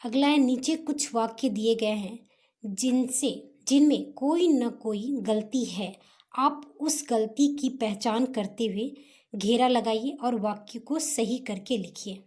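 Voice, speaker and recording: A woman teacher with a fairly high, mellow voice talks students through their homework answers. She explains patiently and unhurriedly, often mixing English words into her sentences. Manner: patient, explains slowly with Hindi-English mix.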